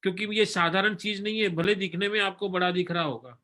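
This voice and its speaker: A man giving a religious sermon, then slowly reciting a devotional hymn line by line for listeners to repeat. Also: sits high, steady tone, bright, forceful tone. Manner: earnest, instructive, leads the chant slowly line by line. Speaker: spiritual teacher. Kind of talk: sermon and slow stotra recitation.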